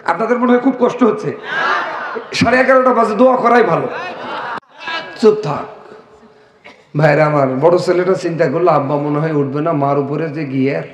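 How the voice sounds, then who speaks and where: High-voiced preacher. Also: male voice, moderate pace, long pauses. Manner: animated storytelling, urges crowd to respond, sudden shouts. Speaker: Islamic preacher. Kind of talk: humorous Bengali waz sermon. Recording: echoey hall over loudspeakers.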